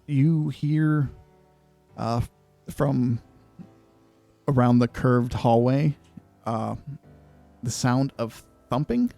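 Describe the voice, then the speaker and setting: A man runs a tabletop game, describing rooms and sounds slowly with frequent "uh"s. His voice is gravelly and dark. The sound is dry, with faint music behind. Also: mid-range voice, no echo. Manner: measured descriptive narration with many fillers. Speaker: game master.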